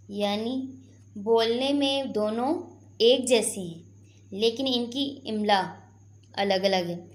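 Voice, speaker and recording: A woman's voice: fairly high pitch, a little mellow, reverberant. A woman teaching a class, patiently explaining and asking her students questions. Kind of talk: classroom lesson.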